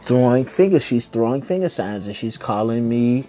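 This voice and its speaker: A man's voice: mid-range voice, expressive, moderate pace, dark tone, faint music behind. A man hosting a casual podcast from home, rambling along in slang and swearing freely. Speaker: podcast host. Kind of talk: casual chat.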